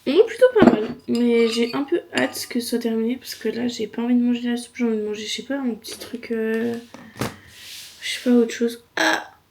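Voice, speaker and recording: Higher-voiced woman, sore swollen mouth after wisdom teeth. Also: level tone, fairly quick, gravelly, darkish tone, a little hiss or hum. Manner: slangy, informal, complaining lightly. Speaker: vlogger. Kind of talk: casual chat to camera.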